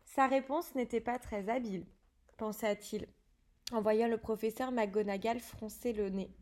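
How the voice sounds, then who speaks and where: A woman's voice: on the high side, fairly even intonation, measured pace, darkish tone. A woman reading a novel aloud in an unpolished way, correcting herself as she goes. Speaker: reader.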